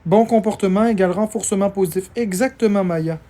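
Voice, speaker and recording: A man's voice: sits high, brisk, mellow. A man, tired, chatting casually on a live stream as he answers viewer comments and thanks people for gifts.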